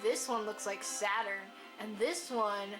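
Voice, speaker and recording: A woman giving excited game reaction commentary, gasping and squealing as she plays. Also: mid-range voice, a little slow. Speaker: gaming channel host. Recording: game music loud beneath voice. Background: game music.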